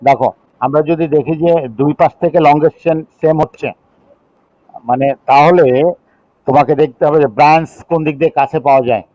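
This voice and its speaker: Mid-pitched man teaching chemistry, dry lo-fi sound. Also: fairly even intonation, darkish tone, no echo. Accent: Bangladeshi. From Bangladesh. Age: middle-aged. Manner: reads rules slowly in English, then explains in Bengali, counting aloud. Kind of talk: classroom lecture. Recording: dull, dry lo-fi recording.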